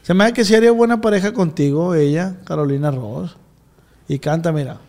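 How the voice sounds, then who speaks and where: A man's voice: on the high side, brisk, darkish tone. A man hosting a casual interview, asking teasing, prodding questions. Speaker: podcast host.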